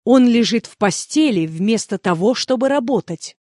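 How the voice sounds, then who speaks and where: A woman repeating example sentences calmly and carefully for a language course. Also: on the high side, normal speed, no echo, studio quality. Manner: calm, careful enunciation. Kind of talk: scripted phrase reading.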